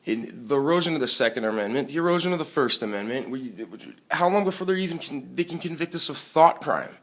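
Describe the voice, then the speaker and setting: A man's voice: on the high side, animated, quick pace, a bit bright. A man giving opinionated political commentary for a homemade video. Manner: indignant, emphatic.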